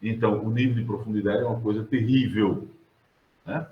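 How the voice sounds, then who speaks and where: Deep-voiced Brazilian man lecturing a class. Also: fairly even intonation, brisk. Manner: digressive, conversational, questions the students. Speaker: teacher. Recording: roomy, dull classroom sound.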